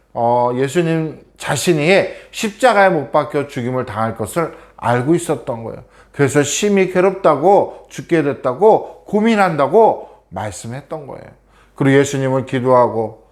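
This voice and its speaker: Male children's preacher from Korea, storytelling style, asks questions, average pitch.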